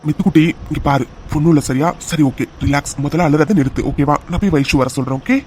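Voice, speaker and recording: A man's voice: fairly high pitch, quick pace, darkish tone, slight background noise, natural voice. A man voicing a protective, hot-tempered young man in a cartoon, talking urgently and anxiously. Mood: angry, soothing. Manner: urgent, pleading, worried. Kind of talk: cartoon voice acting.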